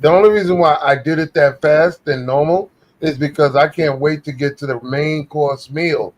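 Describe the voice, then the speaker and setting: A man's voice: on the high side, normal speed. A man speaking casually as a panelist in a group chat show.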